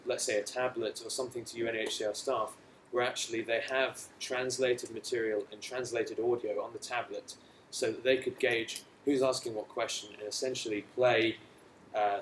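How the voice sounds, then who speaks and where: A man from an aid agency giving a measured, explanatory conference presentation with some hesitations, in an echoey hall. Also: medium pitch, slight background noise.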